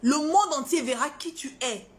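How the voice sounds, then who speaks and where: A woman's voice: sits high, expressive, moderate pace. A woman from Gabon, a singer, delivering a defiant, confrontational social media rant, repeating her points for emphasis.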